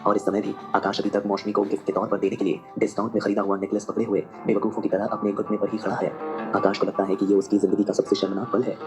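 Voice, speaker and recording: A man narrating a dramatic audio story in a brisk storytelling manner. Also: lowish voice.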